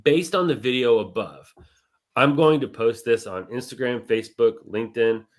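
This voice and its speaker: A man's voice: medium pitch, normal speed. A man co-hosting a casual talk show, explaining things step by step in a conversational way. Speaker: co-host. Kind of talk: casual chat.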